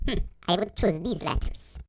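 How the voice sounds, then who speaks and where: A woman's voice: on the low side, animated, moderate pace, no echo. A woman voicing a curious young student who asks her teacher plain, eager questions.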